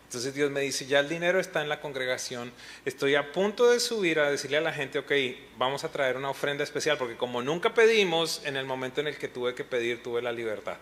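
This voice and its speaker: A fairly quick, medium-pitched, somewhat bright voice belongs to a middle-aged pastor telling his personal story with emotion on a pastors' panel. He sometimes retells times he was in tears, in an earnest testimony.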